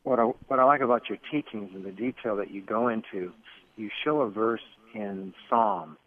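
A man's voice: fairly low pitch, normal speed. A male caller on a radio show, heard over a phone line, eager and repeating words as he starts.

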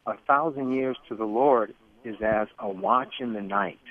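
A man's voice: lowish voice, moderate pace. A male caller on a radio show, heard over a phone line, eager and repeating words as he starts.

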